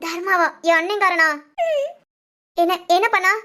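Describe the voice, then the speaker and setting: A woman's voice: extremely high pitch, lively intonation, a little slow, sharp tone, heavily acted. A woman voicing a bossy, protective young friend in a cartoon, talking in a firm, scolding way. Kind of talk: cartoon voice acting.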